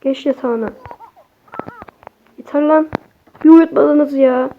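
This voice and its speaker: A young woman, a native Turkish speaker, gives excitable, chatty horror game commentary to her viewers, cursing at the game as she plays. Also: sits high, slow pace, narrow, tinny audio, slight background noise. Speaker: gaming streamer.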